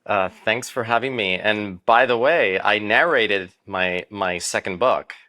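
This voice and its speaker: A man's voice: lowish voice, measured pace, sharp tone. A man in his fifties from Miami whose first language was Spanish, telling his story as a doctor in an interview. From Miami, United States. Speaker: doctor, podcast guest.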